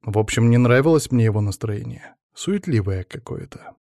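A man narrating a first-person audiobook story in an even manner. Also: mid-range voice, moderate pace, dry recording, clean studio sound.

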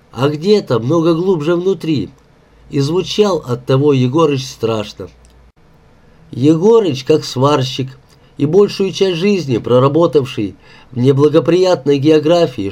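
A man narrating an audiobook in a measured, expressive reading. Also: a little high. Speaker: audiobook reader.

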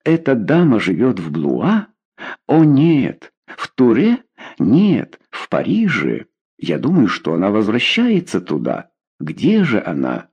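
A man's voice: fairly low pitch, wildly swooping pitch, slow pace, darkish tone, breathy edge, full character voice. A man voicing a young queen, coquettish and mockingly naive, in a read-aloud story. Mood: mock-naive. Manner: coquettish, teasing, mock-naive.

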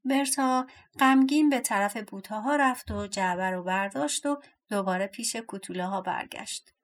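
A woman narrating a fairy tale audiobook with a steady, expressive reading. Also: medium pitch. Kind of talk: storybook narration.

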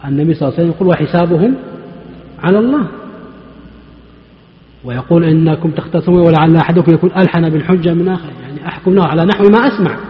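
A man's voice: fairly high pitch, very fast, long pauses. A man who teaches a mosque lesson on hadith. He explains points step by step and poses questions to his students before answering them himself. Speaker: Islamic scholar teaching hadith. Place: large mosque hall. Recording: echoey mosque hall, dull lo-fi recording.

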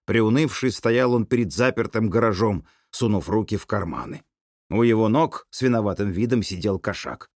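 A man narrating an audiobook in an animated storytelling manner. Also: lowish voice, normal speed, dry recording, studio quality. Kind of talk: scripted narration.

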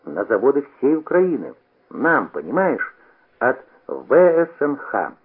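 A man voicing a self-assured, teasing teenage boy who talks fast. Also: mid-range voice, wildly swooping pitch, husky, voice pushed up, heavily acted. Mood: eager. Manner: quick, teasing storytelling. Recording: tinny old radio broadcast.

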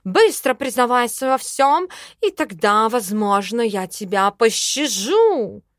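A woman voicing a fussy, suspicious male talking cat in an audiobook, with excitable, theatrical outbursts. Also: high-pitched, unhurried, no room sound, clean studio sound, voice pushed up. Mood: accusing. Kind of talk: audiobook character voice.

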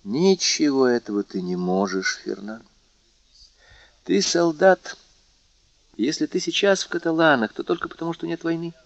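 Proud young fisher girl, grave and reproachful, read by a man, raised soft voice, dull dry audiobook sound. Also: fairly high pitch, lively intonation, moderate pace, creaky, pauses often, no echo, voice pushed up. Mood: grave, sorrowful.

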